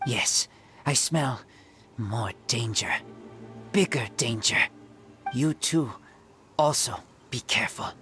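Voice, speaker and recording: A man voicing a feral young boy raised by wolves in a video game, earnest, blunt and halting. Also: mid-range voice, bright, forceful tone, soft background music. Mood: wary. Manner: halting, blunt broken phrases.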